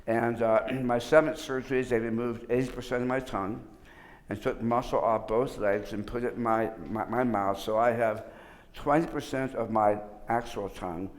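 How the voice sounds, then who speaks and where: A man with a mid-range voice leads a relaxed workshop lecture, his words shaped a little unusually by an old tongue surgery. He often stops and restarts a sentence and sometimes jokes dryly about himself. A long reverb fills the large hall around him. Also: mid-range voice. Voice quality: slightly unusual articulation after tongue surgery. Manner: informal, restarts often, dry self-mocking humor. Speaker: workshop presenter.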